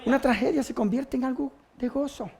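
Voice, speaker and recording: A man's voice: very high voice, fairly quick, gravelly, a little mellow. A man preaching a sermon as pastor, fervent and stopping often to give praise.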